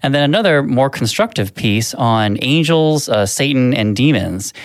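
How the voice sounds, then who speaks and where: A man's voice: mid-range voice, animated, normal speed, no echo. A man from Southern California co-hosting a podcast in casual chat, playful and joking, with lots of fillers. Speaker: podcast co-host.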